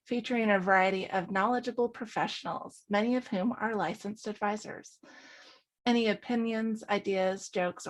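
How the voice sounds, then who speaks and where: A woman hosting a webinar, reading formal legal housekeeping and a guest introduction from a script, with a few slips and restarts. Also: mid-range voice. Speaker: webinar director and host.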